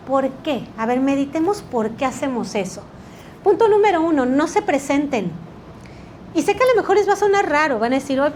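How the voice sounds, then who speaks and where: A woman teaching a litigation workshop, energetic and quizzing the class with rhetorical questions. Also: high voice, slight background noise. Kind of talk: workshop lecture.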